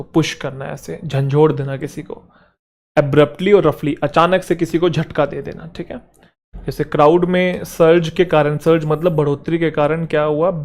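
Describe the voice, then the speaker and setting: Man, exam-prep vocab teacher, slightly high voice, chatty, jokes, slow read-outs of examples. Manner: explains in Hindi, reads English examples slowly and deliberately; chatty, jokes with students, keeps asking "theek hai?".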